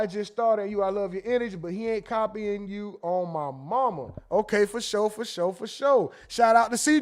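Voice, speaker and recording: A man hosting a casual livestream, reading viewer comments aloud and reacting with quick asides and laughter. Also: high voice. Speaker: livestream host reading super chats.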